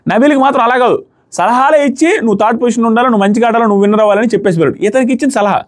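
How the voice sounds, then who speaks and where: A man's voice: extremely high pitch, racing. A man giving a casual, emphatic review of a reality show episode, retelling scenes in quoted lines.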